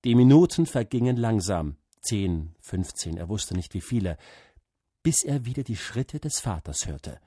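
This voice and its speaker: Slow, husky male storyteller. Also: fairly low pitch, big pitch swings, dark tone, no room sound, clean studio sound. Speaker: narrator. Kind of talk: storybook reading.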